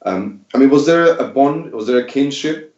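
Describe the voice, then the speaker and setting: A man's voice: medium pitch, expressive, moderate pace, a little mellow. Man hosting an interview in an echoey room. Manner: loose, searching phrasing with fillers. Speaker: host. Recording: echoey room, dull sound.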